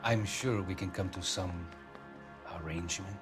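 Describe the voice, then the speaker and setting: A man's voice: low voice, normal speed, over music, natural voice. A man playing a haughty, pompous Argentine diplomat, formal and easily offended, in a crime drama video game. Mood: uneasy.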